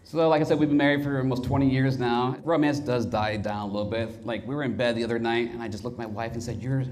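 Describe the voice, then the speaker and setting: Man delivering deadpan stand-up one-liners. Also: medium pitch, background noise. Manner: deadpan one-liners, quick dark punchlines. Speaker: stand-up comedian. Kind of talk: stand-up comedy set. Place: comedy stage before a live audience.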